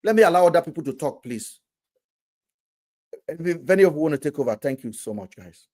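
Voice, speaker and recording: Animated man hosting a live stream. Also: a little high, a little fast. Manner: animated, repeats and restarts words. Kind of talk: casual live stream commentary.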